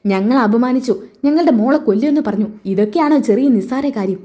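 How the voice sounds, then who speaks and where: A woman's voice: a little high, fairly quick, dark tone, natural voice. A woman voicing a scornful, proud mother who sneers while defending her daughter in a recap. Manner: sneering, contemptuous.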